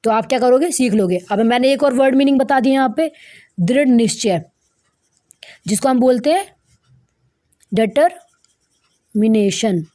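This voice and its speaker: A young woman teaching English vocabulary as a lesson, explaining each word and repeating key terms slowly for emphasis. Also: sits high, warm tone. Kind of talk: Hindi-language vocabulary lesson.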